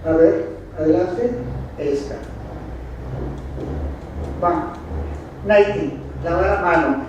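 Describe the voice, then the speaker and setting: A man's voice: a little high, drawn-out words, a little mellow. A man with a Mexican Spanish accent giving a lecture with slides at a conference, quizzing the audience with dry, ironic asides. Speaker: conference speaker. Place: lecture hall. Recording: very echoey hall, distant, faint noise.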